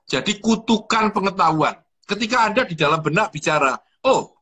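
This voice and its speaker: A high-pitched man with a bright, husky voice hosts a live online talk. He explains with relaxed anecdotes and acts out short back-and-forth dialogues. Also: brisk. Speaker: host. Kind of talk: instructional live chat. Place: online video call.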